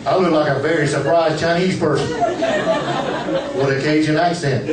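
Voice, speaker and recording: An older man works through a stand-up set, nervous and self-deprecating, stumbling and restarting as he goes. He is caught from a distance by a camera out in the audience, so his voice sounds far away in the roomy club. Bursts of crowd laughter come up loud around him. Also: on the high side, steady tone, moderate pace. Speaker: stand-up comedian. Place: comedy club stage.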